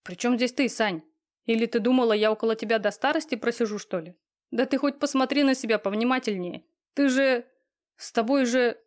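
In an audiobook reading, a woman with a fairly high, natural voice speaks fairly quickly as a smug, cold, lazy young man. She delivers his lines in an offhand, sneering, scornful way, full of coarse slang.

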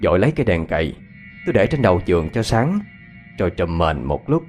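Low expressive male ghost-story narrator. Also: a little fast, faint music behind. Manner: dramatic, expressive.

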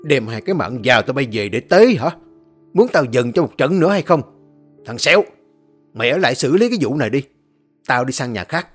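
A greedy old landlord roars his threats in a loud, raised voice, his pitch swinging high, as a man puts him on. He speaks, harsh and domineering. A storybook tyrant who never softens. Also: lively intonation, fast, faint music behind, natural voice. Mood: furious. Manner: shouting furious threats. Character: greedy cruel old male landlord, bellowing.

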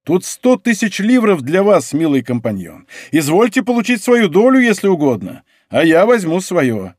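A man voicing a bold, exuberant musketeer who speaks in a loud, commanding voice. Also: high voice, big pitch swings, moderate pace, no room sound, clean studio sound, voice pushed up. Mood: jovial.

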